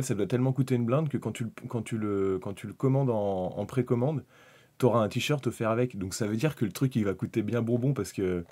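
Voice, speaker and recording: Rambling through a live stream about hobby miniatures, a native French-speaking man thinks out loud, full of fillers and restarts. His voice is medium in pitch, dark in tone and husky.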